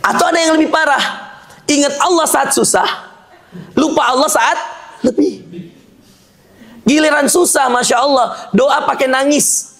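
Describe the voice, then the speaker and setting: A man's voice: very high-pitched, a little slow, long pauses, fairly bright tone. A male preacher giving a sermon to a live audience, joking with the listeners, teasing them and quizzing them with questions.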